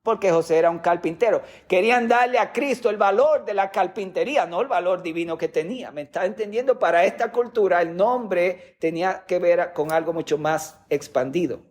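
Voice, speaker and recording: A man's voice: sits high, a little fast, few pauses. A man preaching a sermon as a pastor, teaching with rhetorical questions and sometimes repeating words as he goes.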